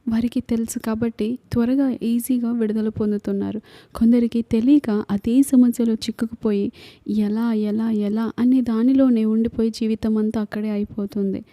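A woman's voice: a little high, steady tone, moderate pace, mellow. A woman with a Telugu accent, preaching an earnest sermon full of repeated lists and rhetorical questions.

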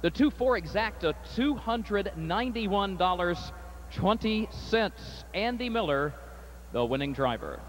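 High-voiced man calling a harness race. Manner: rapid rising race call, steady formal post parade. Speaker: track announcer. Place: outdoor racetrack. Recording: faint outdoor noise.

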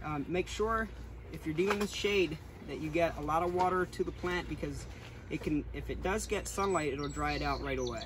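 On the high side and at a moderate pace, a young man's voice guides viewers informally around large greenhouses and a garden center yard, explaining as he goes. The handheld video was captured by a camera or phone a few steps away, and background noise is clearly audible.

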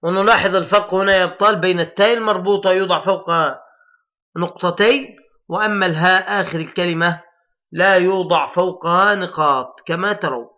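A male primary school teacher gives a recorded reading lesson for young children. His voice sits high and rings bright, and he draws out each letter sound patiently and with emphasis. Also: brisk, dull audio. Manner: addresses pupils as heroes, patient and encouraging.

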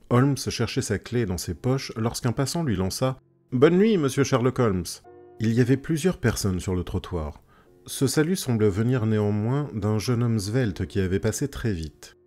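A man narrating a classic story in a measured, steady reading. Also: on the low side. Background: faint soft music.

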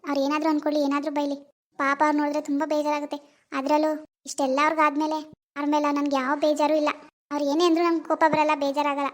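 A performer voicing a kind, forgiving young daughter-in-law in an animated family drama. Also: sits high, very fast, close to an everyday voice. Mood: earnest. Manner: eager and earnest.

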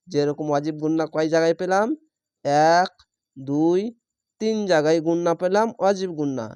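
Brief: male recitation teacher, high clear voice, spells letter by letter, stretches words. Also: a little mellow, dry recording, studio quality. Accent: Bangladeshi Bengali. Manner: slow, spells each letter and vowel, drawn-out chanted readings. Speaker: Quran reading teacher.

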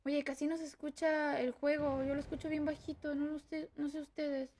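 A woman with a Mexican accent streaming a game live, excitable and swearing as she reacts to the play. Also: high-pitched, a little fast, a little hiss or hum. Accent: Mexican Spanish. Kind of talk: live gameplay commentary.

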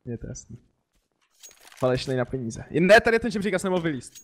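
Excitable man, high lively voice. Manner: excitable, groaning complaints. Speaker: gaming opponent. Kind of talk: casual gaming chat.

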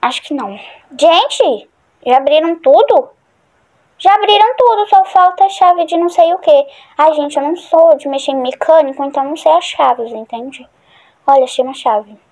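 Woman, high-pitched, chatty gameplay commentary, easily startled, rambling. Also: lively intonation, moderate pace, darkish tone. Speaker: gaming channel host.

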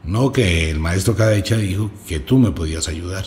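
A man's voice: deep voice, moderate pace, a little mellow, slight background noise, lightly acted. A man voicing a humble, polite young male disciple in a told story. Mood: timid.

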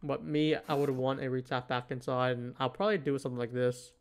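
A man's voice: mid-range voice, level tone, quick pace, smooth. A man giving casual live trading commentary, thinking aloud in a hesitant way. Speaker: livestream host, futures trader.

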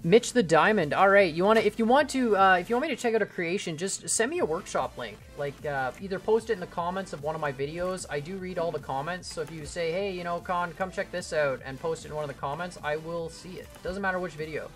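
Over soft background music, a young man with a high, fairly bright voice talks fast with few pauses. He's streaming live from his home computer, building in a game while casually chatting, rambling, and answering his viewers.

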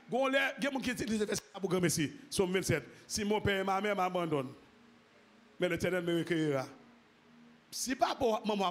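A man preaching a sermon as pastor, repeating phrases and rising into shouted, half-sung exclamations. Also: sits high. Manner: repetitive, call-and-response phrasing.

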